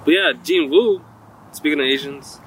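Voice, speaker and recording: A man's voice: fairly high pitch, wildly swooping pitch, moderate pace, gravelly, fairly bright tone, slight background noise, rough recording. A young man chatting casually on a podcast in slangy, sweary frat-bro talk. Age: young adult. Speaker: podcast host.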